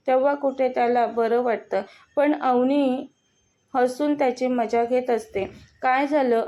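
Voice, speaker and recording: Voicing all the characters herself, a Marathi-accented woman narrates a romantic story from a script. She sounds warm, with a voice on the high side.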